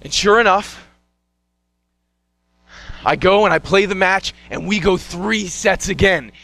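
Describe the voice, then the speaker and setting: High, bright young man telling a story. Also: a little slow, vocal fry, no room sound. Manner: animated, acts out scenes and voices. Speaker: solo stage performer. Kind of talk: one-man show storytelling.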